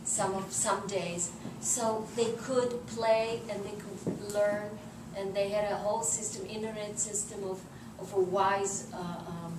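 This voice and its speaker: A woman's voice: medium pitch, steady tone. Middle-aged Israeli-accented woman, distant and roomy. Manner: halting, searching for words in non-native English. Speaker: journalist being interviewed. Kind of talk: informal interview, telling personal anecdotes. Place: indoors in a living room, seated on an armchair. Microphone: distant camera microphone. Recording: roomy, noisy recording from a distance.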